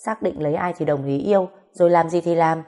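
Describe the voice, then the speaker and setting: A woman voicing a blunt, foul-mouthed grown woman who scolds roughly in a storybook reading. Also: fairly low pitch, a little fast, warm tone, close to an everyday voice. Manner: rough, scolding, swears freely.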